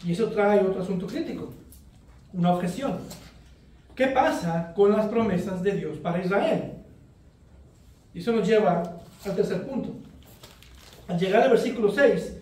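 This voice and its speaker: A man from Mexico preaching an expository sermon in a measured, earnest way. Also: high-pitched, a little mellow. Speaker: pastor. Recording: very echoey hall, voice from a distance.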